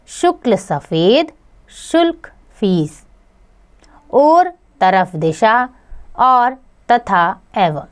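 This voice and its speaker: A woman teacher slowly reading out a word list to children, in a measured word-by-word dictation. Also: on the high side.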